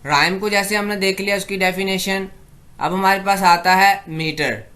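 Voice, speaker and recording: A man giving an exam-prep lecture, explaining in Hindi-Urdu and reading English definitions slowly and deliberately. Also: high voice, steady tone, pushed and bright. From Pakistan.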